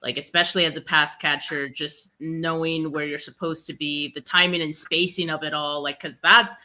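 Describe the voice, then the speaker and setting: A woman's voice: low voice, level tone, moderate pace, sharp tone, low-quality recording. A woman interviewer in a casual sports conversation, easing into questions with wordy, conversational lead-ins.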